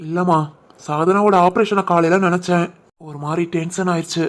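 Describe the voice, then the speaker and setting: A woman voicing a young husband and shopkeeper, teasing but caring, with a Tirunelveli Tamil accent in an animated family story. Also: a little high, fairly quick, natural voice. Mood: worried. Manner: teasing banter, turns soft and worried.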